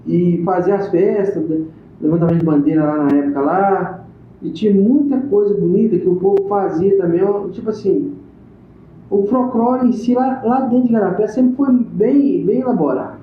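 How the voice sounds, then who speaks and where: A chatty male interviewer with a notably high voice keeps prompting his guest with questions. The sound is thin and phone-like, drenched in echo, with faint background hiss. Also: moderate pace. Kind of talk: casual interview chat. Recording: echoey room on a tinny phone-like line.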